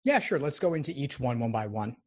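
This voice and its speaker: A man acting as an admissions coach, giving calm, direct advice. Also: medium pitch, brisk.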